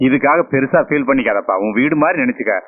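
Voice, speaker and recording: A man's voice: medium pitch, lively intonation, fast, lightly acted. An actor playing a fatherly man who reassures and encourages a younger man. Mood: reassuring. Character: kindly older patron. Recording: phone-like band with film music.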